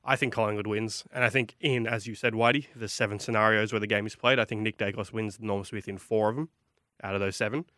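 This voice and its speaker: A man's voice: lowish voice, fairly even intonation, quick pace, bright, forceful tone, no echo, studio quality. A man chatting casually about sports bets as a podcast panellist. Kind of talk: casual sports betting chat.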